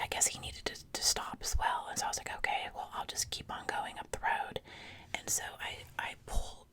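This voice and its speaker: A woman whispers breathily and very close to the ear, telling personal stories in a casual, chatty ASMR style. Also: sharp tone. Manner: chatty, informal, conversational asides. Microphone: close ear-to-ear ASMR microphone.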